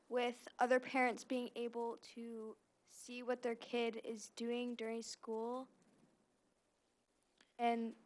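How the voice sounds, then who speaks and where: Female trustee, slightly high questioning voice. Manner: measured, poses two questions in turn.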